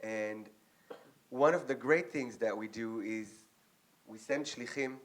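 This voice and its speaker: A young Israeli man with an Israeli accent and a medium-pitched voice speaks earnestly to an audience on behalf of an agency. His speech is full of ums and pauses.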